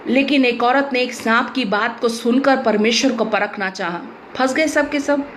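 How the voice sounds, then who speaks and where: High-voiced Indian woman preaching bluntly. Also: normal speed, fairly bright tone, slight background noise. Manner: emphatic, blunt, with a teasing humor. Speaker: pastor. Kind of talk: sermon.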